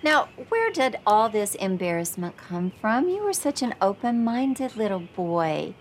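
A free-spirited middle-aged mother in a TV comedy. She is overfamiliar and unembarrassed, with a breezy, theatrical delivery in a middle register. Clear background noise is present. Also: medium pitch, big pitch swings, a little slow. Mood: coaxing.

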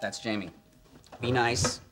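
A man's voice: medium pitch, steady tone, a little slow, loud music behind the voice, natural voice. A man acting in a sitcom as an insecure, eager chiropractor in his thirties, flustered and stammering. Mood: irritated, defensive. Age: 30s.

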